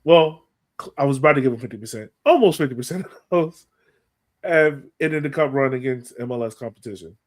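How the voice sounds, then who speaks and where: Brisk and mid-range, this American man hosts a laid-back soccer podcast, bursting with exclamations like an excited fan.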